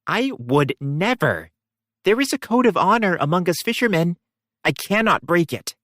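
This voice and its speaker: A woman's voice: fairly low pitch, very animated, normal speed, fairly bright tone, no echo, studio quality. A woman voicing an earnest young heroine who loves fishing and talks in a matter-of-fact way. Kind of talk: audiobook character voicing.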